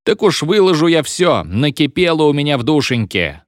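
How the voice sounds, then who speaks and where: A man's voice: on the high side, big pitch swings, moderate pace, dry recording, clean studio sound, voice pushed up. A man voicing a whiny, defiant young student ranting at his teacher. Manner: whining, then defiantly ranting. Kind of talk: audiobook reading.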